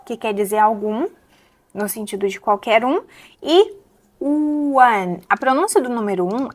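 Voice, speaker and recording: A young adult woman with a Brazilian Portuguese accent, teaching English pronunciation step by step and repeating words slowly to model them. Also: fairly high pitch. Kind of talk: pronunciation lesson.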